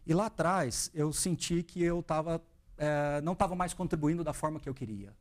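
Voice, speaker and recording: In an interview, a Brazilian man in his thirties reflects on his path as an investment educator. His voice is on the high side at normal speed, and he tells his story earnestly and with animation, quoting his own thoughts.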